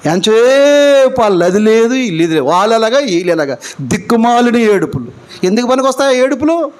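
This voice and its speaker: A man preaching a live church sermon, firing rhetorical questions at the congregation and swinging between loud emphatic lines and quiet low ones. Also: very animated, brisk.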